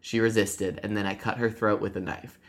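A woman's voice: very deep voice, brisk. A woman reading aloud the confession of a male Russian killer, putting on a half-hearted voice for him. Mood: reading flatly. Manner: flat confession read aloud, breaking into giggles. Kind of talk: true crime podcast reading.

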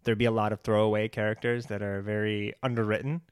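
A young man co-hosting a casual film chat, relaxed and talkative with many fillers and easy laughter. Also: lowish voice, fast talker, smooth, no echo, studio quality. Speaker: podcast co-host.

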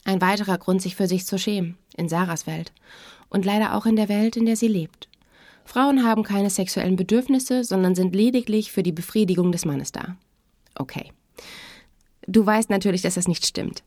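A woman's voice: medium pitch, brisk, a little mellow, no room sound. A woman therapist hosting her podcast, reading a story and commenting in a conversational, self-ironic way. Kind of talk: podcast narration.

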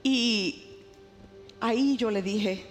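A woman's voice: a little high, drawn-out words, big-room sound, soft background music. A woman preacher telling a personal testimony to her congregation in a dramatic storytelling way, urging them on. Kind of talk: testimony sermon.

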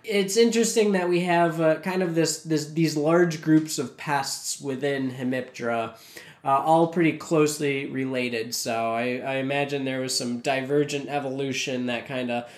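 A man with a gravelly voice, getting over a cold, talking casually and informatively as a podcast co-host. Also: medium pitch, steady tone, moderate pace. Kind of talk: casual educational podcast talk. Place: cold whitewashed makeshift studio room. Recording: hollow, echoey bare room.

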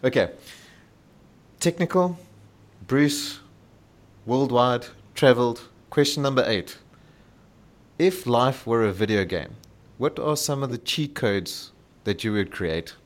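A man's voice: medium pitch, animated, slow pace, pauses often. A man hosting a casual podcast interview, playful and laughing often as he asks questions. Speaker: podcast host.

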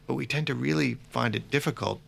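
A man co-hosting a philosophy podcast, explaining ideas in a measured way. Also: medium pitch, gravelly, slight background noise. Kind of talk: conversational philosophy discussion.

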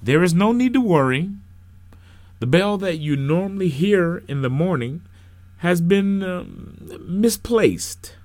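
A man voicing a calm male minister who speaks in a reassuring, measured way to his congregation in a storybook reading. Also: sits high, dry recording, pitched above the performer's own voice, full character voice. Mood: soothing. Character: male small-town minister, calm and soothing.

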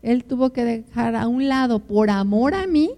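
A woman's voice: a little high, animated, moderate pace. Older woman preaching to couples. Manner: emotional storytelling with personal anecdotes; addresses listeners warmly as beloved ones. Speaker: preacher speaking to married couples. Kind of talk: conversational sermon.

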